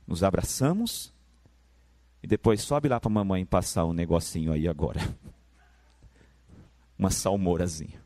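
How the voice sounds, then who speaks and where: A man with a Brazilian Portuguese accent preaching a sermon in a church, moving from quiet, low storytelling to loud, high-pitched shouted preaching. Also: no echo. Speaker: pastor.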